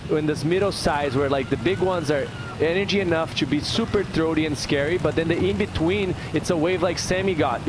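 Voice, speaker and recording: A man giving conversational, explanatory live surf analysis, often rephrasing as he goes. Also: a little high. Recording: outdoor ambience, boat engine noise behind.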